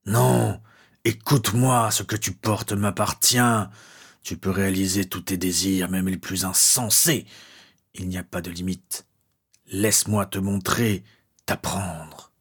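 A man's voice: deep voice, steady tone, measured pace, breathy edge, full character voice. A man voicing a hissing, sinister cursed amulet. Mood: menacing. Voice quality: hissing, insistent. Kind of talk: audiobook character voice.

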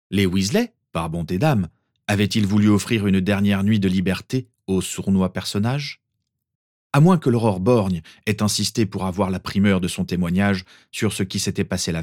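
A man reading fan fiction aloud in a calm, expressive narration. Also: sits low, dry recording, studio quality. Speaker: reader.

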